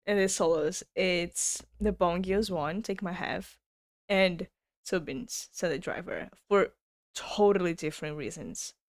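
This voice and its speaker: A young woman hosting a reaction video, gushing and excitable as she comments casually. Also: fairly low pitch, a little slow, dry recording, clean studio sound. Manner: gushing, excitable, talks over music.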